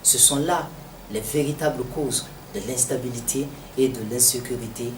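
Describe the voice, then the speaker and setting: A man from Mali with a Malian French accent gives formal political analysis in a deliberate, didactic manner, repeating phrases for emphasis. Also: mid-range voice, steady tone. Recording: echoey, distant mic, noisy background.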